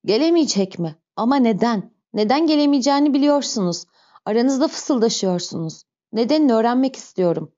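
A woman's voice: on the high side, expressive, brisk, dark tone, natural voice. A woman voicing a sick, feverish young mother pleading for her child, in urgent outbursts, on a dull lo-fi recording.

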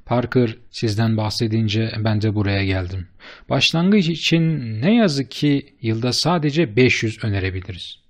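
A man voicing an eager, flattering bearded businessman who speaks with emphatic enthusiasm in an audiobook. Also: on the low side, moderate pace. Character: eager, fast-talking bearded businessman, middle-aged man.

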